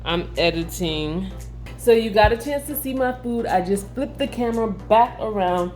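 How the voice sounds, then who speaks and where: A woman's voice: mid-range voice, lively intonation, moderate pace, darkish tone, soft background music. A woman vlogger chatting casually to the camera in a conversational way, often peppering her sentences with filler "like". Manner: conversational, frequently saying "like".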